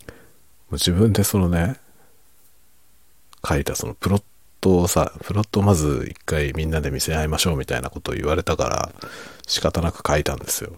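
A middle-aged man talks quietly into a close, dry microphone in a very low, creaky voice. His hushed, casual monologue rambles along with self-deprecating humor, sometimes sinking toward a whisper, made for late-night listeners falling asleep. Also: fairly quick, long pauses, dry recording. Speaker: fiction writer chatting to listeners.

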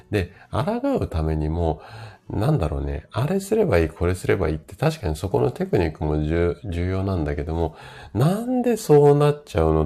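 A man in his fifties with a rough, hoarse voice, chatting casually as host of a live stream and explaining things to his listeners. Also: low-pitched, mellow. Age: 50s. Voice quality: gravelly, rough voice from drinking the night before.

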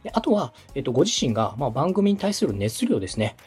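A man from Osaka, Japan, who works as a podcast host, coach and radio director, gives polite, encouraging, explanatory advice in a podcast dialogue. His medium-pitched voice is sing-song, quick, a little mellow and husky, with faint music behind.

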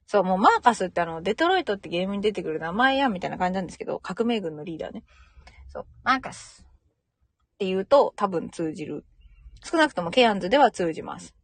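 A woman's voice: mid-range voice, big pitch swings, rapid-fire, dry recording. A young woman, chatting casually on her own podcast, laughing and imitating local greetings. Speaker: podcast host. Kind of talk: casual solo chat.

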